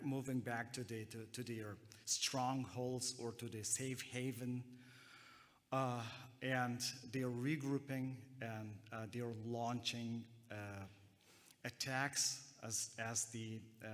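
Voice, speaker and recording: A man from Afghanistan gives a talk at a conference, pausing often and restarting his sentences. His voice sits at an ordinary middle pitch. Long reverb from the hall trails behind each phrase. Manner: hesitant, many fillers and restarts. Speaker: counterterrorism analyst.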